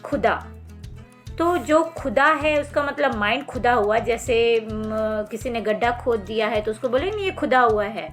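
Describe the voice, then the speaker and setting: A woman with a fairly high voice teaches children how to pronounce sounds and words. She talks patiently and clearly, lingering on each sound. Soft music plays underneath. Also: expressive, moderate pace, few pauses. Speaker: language teacher. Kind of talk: explaining Hindi pronunciation to children.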